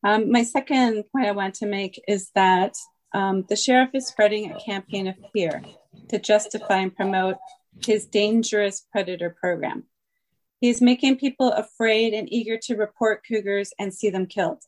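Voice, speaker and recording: A woman's voice: medium pitch, fairly even intonation, normal speed. A woman calling in to a meeting to give a prepared public comment, earnest and reading from notes with a few ums. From Washington State. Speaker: caller. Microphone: phone call-in.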